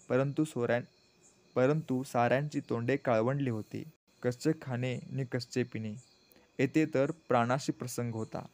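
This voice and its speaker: A man narrating a storybook audiobook in a steady storytelling manner, sometimes lifting his voice for quoted pleas. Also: mid-range voice, no room sound.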